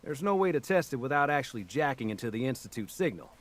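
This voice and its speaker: A man's voice: medium pitch, sing-song, fast talker. An actor playing a nervous male scientist who explains a teleport machine. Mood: explaining.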